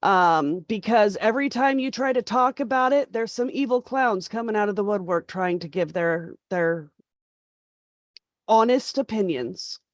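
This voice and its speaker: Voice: medium pitch, measured pace, no room sound. A mobility manager introducing themself with wry jokes on a video call.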